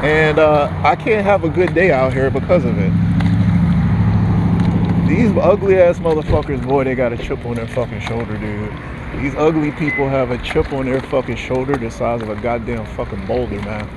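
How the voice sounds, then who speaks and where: A vlogger walks through a parking lot holding his phone, angrily ranting and cursing at the camera, repeating himself. The medium-pitched voice comes at normal speed, and the recording is very noisy.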